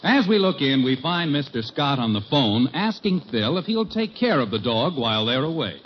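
A man announcing a 1940s radio comedy show in a formal, booming sponsor style, heard as an old radio show broadcast. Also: big pitch swings, normal speed, a little hiss or hum. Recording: dull lo-fi old radio broadcast with loud music.

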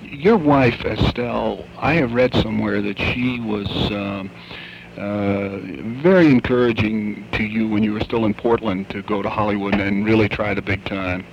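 Man interviewer, low voice, hesitant questions, dull old tape with faint hiss. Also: fairly even intonation, gravelly. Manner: hesitant, halting with fillers.

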